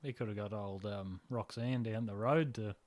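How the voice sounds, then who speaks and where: A man's voice: fairly low pitch, normal speed, darkish tone. Laughing man cracking blunt jokes. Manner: laughs often, blunt crude quips. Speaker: podcast co-host. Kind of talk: crude comedic banter.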